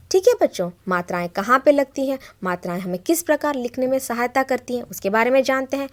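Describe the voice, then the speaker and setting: A woman teacher giving a televised grammar lesson to children, asking them questions and answering them herself, drawing out letter sounds one by one. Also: on the high side. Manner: explains slowly, often asks children questions and answers herself.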